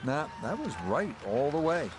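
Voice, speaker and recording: A man working as a lead golf commentator, calling play in a measured, conversational broadcast manner. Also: on the high side, big pitch swings. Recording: clear outdoor ambient noise behind.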